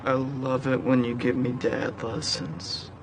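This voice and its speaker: An actor playing a deadpan, sarcastic young man in his twenties who mocks his father. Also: mid-range voice, unhurried, gravelly, noisy background. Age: 20s. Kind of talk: sitcom acting. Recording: faint music under the dialogue.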